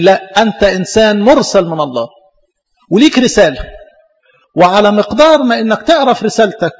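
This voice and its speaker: A priest with an Egyptian Arabic accent delivers a fervent sermon, firing rhetorical questions at his congregation. His voice sits high and his words come quickly. The sound is dull and lo-fi, washed in the long reverb of a church hall.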